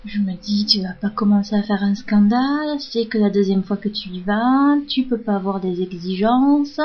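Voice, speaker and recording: A woman's voice: mid-range voice, normal speed. A woman telling a casual story in a frank, profane, self-mocking monologue. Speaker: audio blogger. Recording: dull lo-fi audio.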